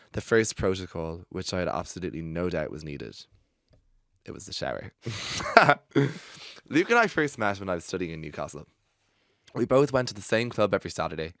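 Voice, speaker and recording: A man, a podcast host, reading a personal story aloud in a studio, expressive and breaking into laughter now and then. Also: sits low, clean tone, dry recording. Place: recording studio.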